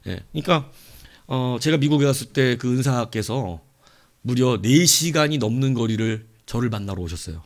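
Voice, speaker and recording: A male pastor preaching a sermon, telling a story with animated swings between loud outbursts and soft asides. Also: medium pitch, moderate pace.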